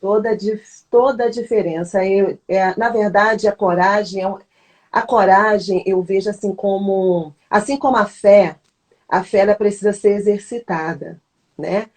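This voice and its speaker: A woman's voice: mid-range voice, fairly even intonation, moderate pace, darkish tone. A woman pastor with a Brazilian Portuguese accent, hosting a faith-based live chat and teaching in a reflective way. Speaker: pastor, host.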